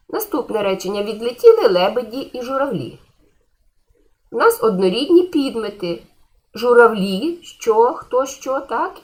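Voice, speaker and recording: A woman's voice: fairly high pitch, darkish tone. A woman teacher giving a patient grammar lesson to schoolchildren, repeating key points and asking the class questions.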